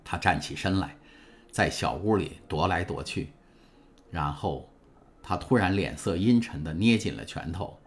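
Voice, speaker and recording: A man narrating a novel in a calm, measured storytelling way. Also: deep voice. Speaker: audiobook narrator. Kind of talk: scripted narration. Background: faint music.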